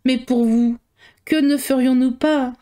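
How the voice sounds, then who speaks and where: A woman reading a novel aloud, voicing a fretful, excitable middle-aged mother with a shrill, fussy, complaining manner. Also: slow, clear, resonant tone. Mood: delighted.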